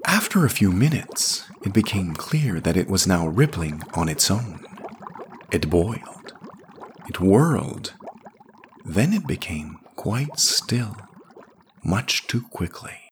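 A man narrating a scripted fantasy story in a measured, expressive reading. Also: deep voice, a little hiss or hum.

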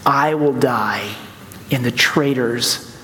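A man's voice: medium pitch, a little hiss or hum. Solemn noble lion king read by a man. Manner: slow, solemn. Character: great noble male lion, self-sacrificing. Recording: church hall reverb, soft music.

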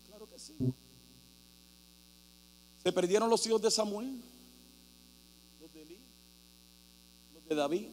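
A man preaching a sermon as pastor, telling a story animatedly and acting out shouting crowds. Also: high voice, slow pace, pauses often. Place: church hall. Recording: reverberant hall with mains hum.

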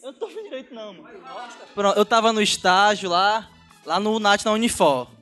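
A young man tells a story in a casual podcast chat. His voice sits very high and the words come out fast. He sounds nervous and laughs as he goes, and faint music plays behind him. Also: animated, a bit bright. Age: young adult. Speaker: guest sharing a story.

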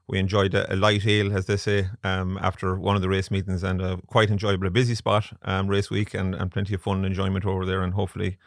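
Low, even-toned Galway man. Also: fast, few pauses, no room sound, clean studio sound. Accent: west of Ireland, Galway. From Galway, west of Ireland. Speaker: racing syndicate manager, podcast guest. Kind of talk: casual interview chat.

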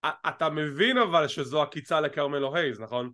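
A man co-hosting a wrestling podcast, talking in a casual, animated and teasing way and slipping English phrases into his talk. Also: on the high side. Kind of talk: casual chat.

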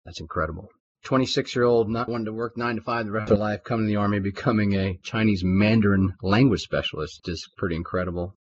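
The host of a formal interview podcast talks quickly in a husky, fairly low voice. Upbeat throughout, he heaps compliments on his guests. The audio comes across dull and lo-fi.

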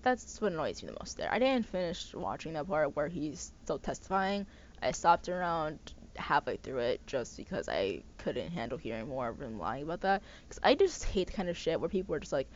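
A young woman podcast host goes on a casual rant, swearing often and rambling with restarts and stumbles. Her voice is lowish and a little mellow, and the lo-fi sound is slightly dull with faint noise.

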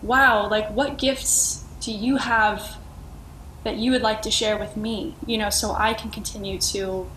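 A woman's voice: medium pitch, fairly even intonation, unhurried, fairly bright tone. A woman podcast guest talking earnestly and reflectively, searching for words and restarting often. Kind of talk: reflective conversational sharing. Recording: echoey room with faint noise.

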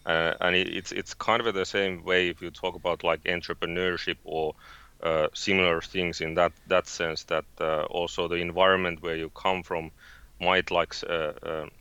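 Deep, smooth Finnish-accented man. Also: little pitch movement, pushed and bright, dry recording, dull audio. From Finland. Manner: halting, many fillers and restarts. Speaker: guest, space company founder. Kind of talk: interview conversation.

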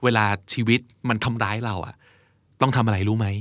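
A young man hosting an English vocabulary lesson, chatting casually and explaining quotes with lively asides. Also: fairly low pitch, a little fast, no echo, clean studio sound. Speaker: English vocabulary show host. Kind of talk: casual teaching chat.

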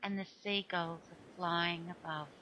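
A woman narrates a guided relaxation in short, soothing phrases. Her voice is somewhat low and very even, with a crisp, bright edge. She leaves long pauses between phrases as music plays behind her. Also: slight background noise, rough recording.

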